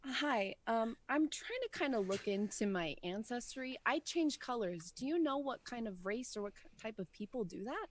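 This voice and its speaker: A woman plays her character at a tabletop game, earnest and casual with frequent giggles. Her voice sits a little high. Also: expressive, normal speed, hardly any pauses, a little hiss or hum. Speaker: player. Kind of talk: in-character role-play.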